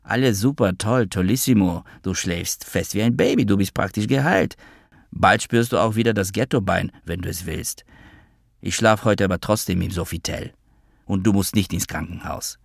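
A man's voice: lowish voice, moderate pace, vocal fry, no room sound, clean studio sound. A man voicing a sarcastic, mocking young man in an audiobook.

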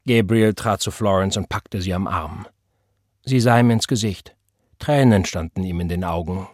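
A man narrates a novel in a measured, calm way. His low voice has a husky, breathy edge. The recording is close and dry, with no room sound. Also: no echo. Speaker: audiobook narrator. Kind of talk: scripted narration.

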